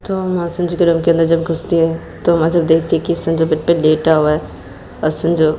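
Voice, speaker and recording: Lady telling a love story, lowish mellow voice, keeps repeating herself. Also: monotone, moderate pace, slight background noise. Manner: loose, repetitive narration. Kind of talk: storytelling narration.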